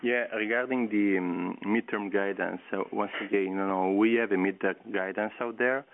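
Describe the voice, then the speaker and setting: A man, a company executive answering on a conference call in a halting way full of fillers. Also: on the low side, steady tone. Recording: tinny phone line.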